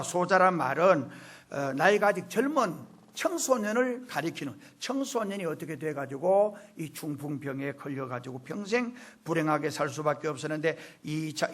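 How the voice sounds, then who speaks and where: A middle-aged man preaching a sermon. He acts out quoted voices and swings between loud proclamations and hushed asides. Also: on the high side. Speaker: pastor.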